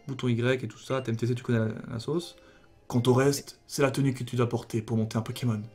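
Fast-talking young man playing a game. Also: medium pitch, steady tone, darkish tone, breathy edge. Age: young adult. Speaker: video game player and co-host. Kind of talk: casual gaming commentary, reading game dialogue aloud. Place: small room at home, on webcam. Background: video game music.

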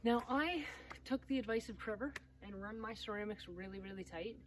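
This middle-aged woman, a sawmill owner, talks at normal speed in a mid-range voice while showing maintenance steps outdoors next to the mill. Her instructional video is practical and encouraging, recorded on a camera mic with a little background noise.

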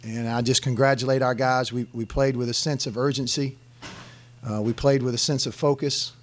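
In a press conference room, a middle-aged man who is head basketball coach sits at a table answering questions into a desk microphone on a stand. He speaks emphatically at a moderate pace in a mid-range voice with fairly even intonation, frequently restarting and repeating phrases.

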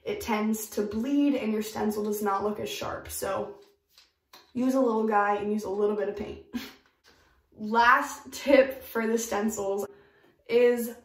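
A woman's voice: medium pitch, fairly even intonation, slow, far from the mic. Chatty young woman in an echoey bathroom. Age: young adult. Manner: chatty, emphatic, upbeat. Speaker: DIY vlogger. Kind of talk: casual tips vlog. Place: home bathroom, indoors.

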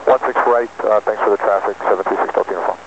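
A man's voice: on the low side, steady tone, fast, creaky. A male pilot talking over aviation radio in clipped, terse calls to the tower. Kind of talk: brief radio call to the tower. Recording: muffled aviation radio feed.

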